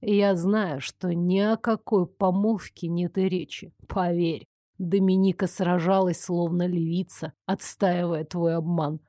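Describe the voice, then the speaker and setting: Woman reading a fantasy audiobook, dark mellow voice, dry close sound. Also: fairly low pitch, level tone, measured pace, no room sound. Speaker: audiobook narrator. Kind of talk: first-person audiobook narration. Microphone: close home-recorded mic.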